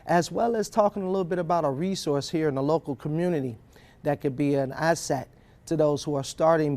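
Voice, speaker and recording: A man with a somewhat raised pitch hosting an interview. He keeps affirming his guest with short repeated phrases as he moves to each new question. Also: a little mellow. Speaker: host.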